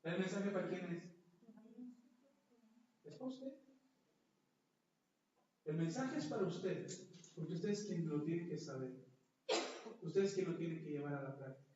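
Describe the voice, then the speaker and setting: A man's voice: a little high, a little slow, pauses often, dark tone. A male pastor preaching a sermon, asking the congregation rhetorical questions and acting out the voices he quotes. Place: church. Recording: echoey church hall, mic far off, dull and noisy.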